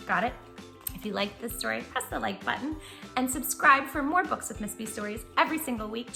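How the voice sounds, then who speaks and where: A woman host reads a picture book aloud to young children, expressive and encouraging as she speaks directly to the listener. Her voice is medium-pitched and gravelly.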